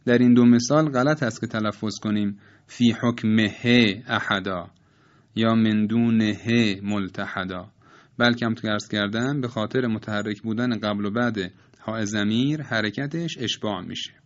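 A man calmly explaining Quran recitation rules step by step, reciting each example slowly and repeating it. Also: lowish voice, highs cut off.

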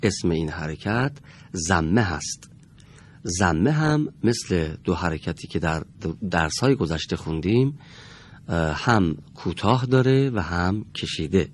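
A man teaching Quran recitation on a broadcast lesson from a studio. He speaks slowly and patiently, modelling each sound for students to repeat. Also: low-pitched, expressive.

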